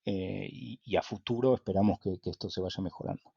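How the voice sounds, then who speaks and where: A man with an Argentine accent, a guest in an interview, explaining technical points in a measured, hesitant way with many fillers. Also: deep voice, fairly even intonation, creaky, mellow, husky, no room sound, dull audio. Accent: Argentine Spanish. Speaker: guest engineer.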